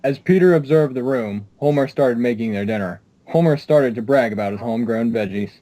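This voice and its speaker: A man narrating a story at a middle pitch. He reads each line in a plain, steady, even way. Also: a little fast, poor audio. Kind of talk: scripted narration.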